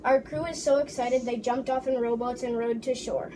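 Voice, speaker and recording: A proud English explorer, played by a woman, tells his voyage in a halting recital full of restarts. The voice sits a little high. It is caught on a distant mic with clear background noise. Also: steady tone, natural voice. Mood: earnest. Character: English explorer John Smith, proud man. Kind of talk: first-person history presentation.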